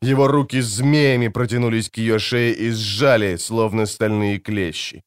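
A man narrating an audiobook in an expressive storytelling manner. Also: on the low side, a little slow, clean tone, no room sound, studio quality. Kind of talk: scripted narration.

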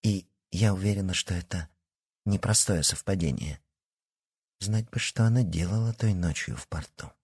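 A man voicing a secretive, determined young woman who speaks low and conspiratorially in an audiobook. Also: moderate pace, darkish tone, slightly rough, no echo, studio quality. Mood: hushed. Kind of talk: audiobook character reading.

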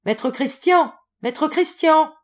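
A woman voicing a chatty, gossipy male junk dealer in an audiobook, telling his tale loudly and with lots of exclamations. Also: on the low side, measured pace. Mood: calling out. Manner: loud, exclaiming, animated storytelling. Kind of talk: audiobook character voice.

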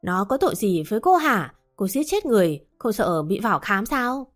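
A woman's voice: mid-range voice, sing-song, normal speed. Woman reading as a stern older matriarch, commanding, story read over faint music.

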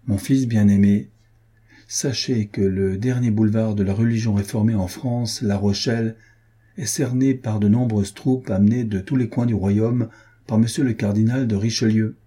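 A man reading as an elderly nobleman addressing his son by letter. The tone is grave and solemn. The voice is low, dark and husky. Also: steady tone, moderate pace.

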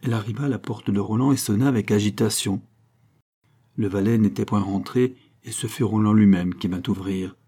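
A man narrating a novel as an audiobook in a measured, dramatic reading. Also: lowish voice, fairly even intonation, warm tone.

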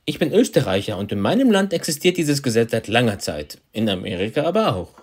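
A man's voice: mid-range voice, very animated, quick pace. A man interpreting a sermon, repeating each of the preacher's phrases right after him.

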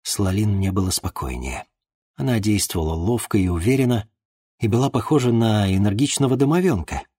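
A man reading a first-person story aloud in an expressive narrating manner. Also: fairly low pitch, fairly quick. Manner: expressive, acts out the dialogue. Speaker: audiobook narrator.

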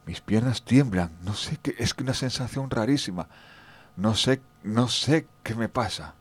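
A young man, telling a first-person ghost story on the radio, halting and confiding, speaking straight to his listeners. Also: medium pitch, breathy edge.

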